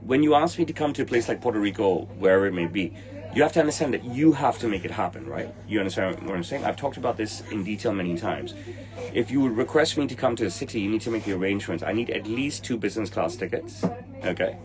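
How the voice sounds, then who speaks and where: Animated and talking fast, a lowish-voiced man in his forties, a tailor with a Hong Kong English accent, deals with livestream viewers. He's blunt and impatient and swears at commenters. The recording is low quality, and trophies line the indoor room behind him.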